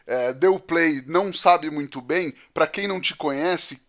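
A man's voice: fairly high pitch, a little slow, a bit bright. A man hosting an interview podcast, introducing his guest in an upbeat way. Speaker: podcast host.

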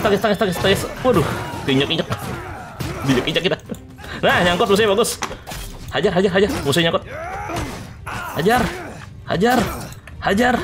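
A man giving excitable let's play commentary, shouting orders at his troops during battles. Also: mid-range voice. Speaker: gaming YouTuber. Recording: game music behind the voice.

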